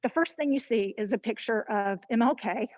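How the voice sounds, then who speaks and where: A woman's voice: fairly high pitch, moderate pace, dry recording, low-quality recording. A woman leading a casual guided tour of a library, slightly out of breath as she walks and talks, with frequent ums and restarts. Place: inside a library building, walking through stairwell and vestibule. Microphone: handheld phone camera on a video call.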